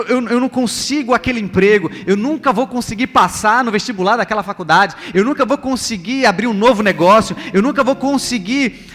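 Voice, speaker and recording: With music underneath and long hall reverb, a male pastor speaks in a high, slightly bright voice and a Brazilian accent. Preaching live to his congregation in a large church hall, he is emphatic and repetitive, firing rhetorical questions at his listeners.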